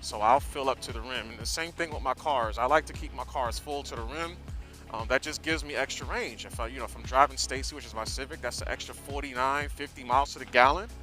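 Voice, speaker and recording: A man's voice: mid-range voice, quick pace, pushed and bright, faint music behind. An American man chatting casually from inside his motorcycle helmet as he rides, rambling and correcting himself in an easygoing way. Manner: talking from inside a motorcycle helmet while riding. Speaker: motorcycle vlogger. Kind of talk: casual rambling ride-along chat.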